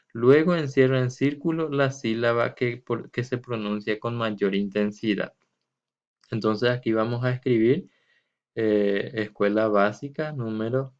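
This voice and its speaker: A man teaching a language lesson, patiently explaining and drawing words out slowly to show which syllable is stressed. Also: medium pitch. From Paraguay. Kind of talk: recorded classroom lesson explanation. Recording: dull lo-fi recording.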